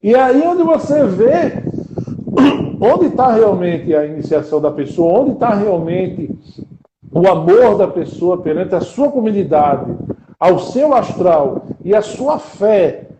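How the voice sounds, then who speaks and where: A man's voice: high-pitched, sing-song, takes it slowly, echoey room, highs cut off, background noise. A man, hosting a live-streamed interview and asking earnest rhetorical questions. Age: 40s. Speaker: interviewer and podcast host.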